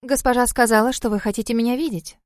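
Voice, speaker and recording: Женщина читает реплики робкой вежливой молодой помощницы. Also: female voice, a little high, fairly even intonation, fast talker, no echo, studio quality, voice pushed up, close to an everyday voice. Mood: polite. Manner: polite, timid. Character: shy, polite young female assistant. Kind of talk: audiobook reading.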